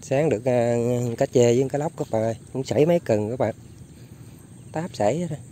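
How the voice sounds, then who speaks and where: A man's voice: medium pitch, fairly quick, mellow, slight background noise. A man narrating casually to viewers as he checks fishing lines and traps outdoors, chatting to them the whole way. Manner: chatty, keeps addressing viewers. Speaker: outdoor fishing and trapping vlogger. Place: outdoors in flooded rice fields.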